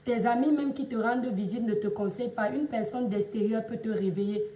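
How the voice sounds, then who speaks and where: A Cameroonian woman with a Cameroonian French accent, hoarse from shouting, chatting on a live stream, greeting viewers and lecturing them. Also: fairly high pitch, a little fast, reverberant, far from the mic. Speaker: livestream influencer and seller. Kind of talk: casual Facebook live chat.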